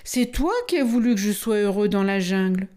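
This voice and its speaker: A woman's voice: medium pitch, fairly quick, darkish tone, close to an everyday voice. A woman voicing a cheeky, freedom-loving boy in a storybook, defiant and offhand.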